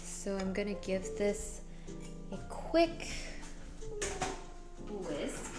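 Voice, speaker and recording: A woman's voice: medium pitch, very animated, drawn-out words. A woman chatting playfully to her viewers while she cooks in a kitchen. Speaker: cooking streamer. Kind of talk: casual cooking chat. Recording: music playing behind.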